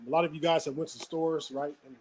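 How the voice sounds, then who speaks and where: A man hosting a motivational webinar, telling a story and often checking in with a quick "right?". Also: fairly high pitch, steady tone, a little mellow, slight background noise, poor audio. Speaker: webinar host.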